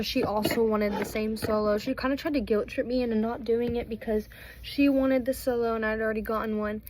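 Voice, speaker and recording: A woman's voice: on the high side, darkish tone, low-quality recording. Chatty teen girl rambling a storytime. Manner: chatty, rambling, many fillers and restarts. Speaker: vlogger. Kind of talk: casual storytime while doing makeup.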